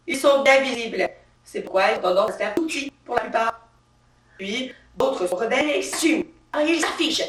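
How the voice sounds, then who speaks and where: A woman's voice: high-pitched, a little hiss or hum. A woman performing a theatrical, emphatic satirical monologue as a comic journalist character on a live stage. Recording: roomy live stage sound from a distance.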